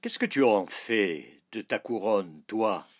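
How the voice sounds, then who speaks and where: A man voicing a boastful, childlike little king who talks in a proud, commanding way and often shouts. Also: fairly low pitch, animated, takes it slowly. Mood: pleading.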